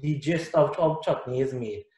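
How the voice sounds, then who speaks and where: A Trinidadian guest musician speaks at medium pitch and normal speed in a casual interview. He's animated and gestures with his hands while explaining, recorded through a video call webcam in a small, echoey indoor room.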